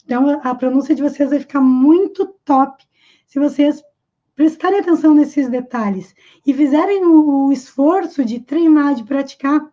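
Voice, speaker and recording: A Brazilian woman teaches an online English lesson. Her voice sits high yet sounds mellow, and the recording is a little dull. She explains each point patiently and puts rhetorical questions to her viewers. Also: moderate pace.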